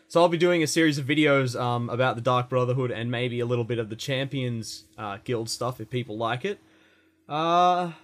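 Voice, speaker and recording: A man hosting a casual gaming podcast, chatty and rambling, with fillers and self-corrections. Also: medium pitch. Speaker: podcast host.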